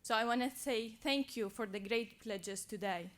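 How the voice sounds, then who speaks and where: A young woman from Syria, a youth advocate, giving an earnest, measured prepared speech. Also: on the high side, fairly bright tone.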